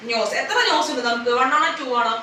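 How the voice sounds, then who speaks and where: A preschool teacher, coaxing small children in a classroom by repeating simple words and asking many questions. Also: female voice, high-pitched, fast talker, pushed and bright, a little hiss or hum. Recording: very echoey classroom, voice from far off.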